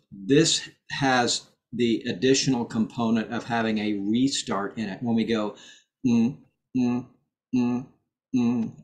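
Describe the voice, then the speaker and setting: A man's voice: lowish voice, slight background noise. Man teaching voice over a video call. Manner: patient, explanatory, with sung demonstrations. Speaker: choir director and voice teacher. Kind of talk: online rehearsal vocal instruction.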